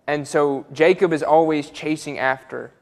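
A man's voice: fairly high pitch, steady tone, moderate pace, gravelly. A young man preaching a sermon from a church pulpit, earnest and repeating words as he builds each point. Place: church auditorium, speaking from a pulpit. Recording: church hall with long reverb.

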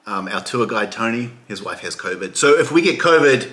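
A man in his forties from Chicago, chatting casually to camera as a travel vlogger, excitable and talkative. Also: medium pitch, a little fast, slightly rough. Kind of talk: casual vlog chat. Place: train station, flat, stadium concourse. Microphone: camera held at arm's length.

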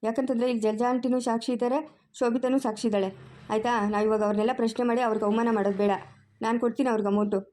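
A woman playing a calm, firm young woman who reasons and reassures in a family drama. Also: a little high, very fast, lightly acted.

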